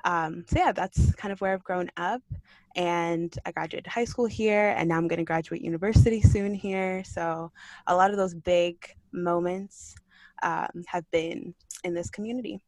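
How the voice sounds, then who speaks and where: Young woman guest, low and dry. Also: moderate pace, dry recording. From Jamaica. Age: 20s. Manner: relaxed, laughs often, many fillers. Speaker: podcast guest. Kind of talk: casual interview.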